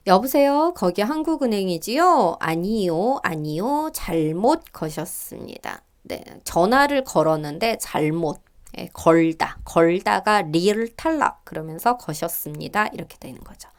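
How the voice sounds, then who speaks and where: A middle-aged woman teaches Korean, working through reading test questions and thinking aloud with fillers and small laughs. When she reads the example dialogues aloud, her voice turns higher and livelier.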